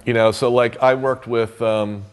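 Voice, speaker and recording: A man's voice: mid-range voice, little pitch movement, measured pace, clean tone. A man teaching therapy techniques in a loose, conversational way, with many fillers and restarts. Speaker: therapy trainer. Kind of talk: casual teaching talk.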